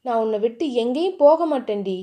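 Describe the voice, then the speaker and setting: A woman voicing a young husband, dropping her voice low to sound soft, gentle and affectionate. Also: lively intonation, brisk, natural voice. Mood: tender. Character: lowered-voice young husband, tender and coaxing.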